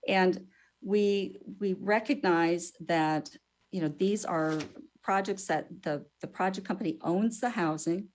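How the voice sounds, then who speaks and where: A woman's voice: lowish voice, measured pace, slight background noise, rough recording. A woman government official giving formal testimony at a hearing, explaining in careful bureaucratic terms.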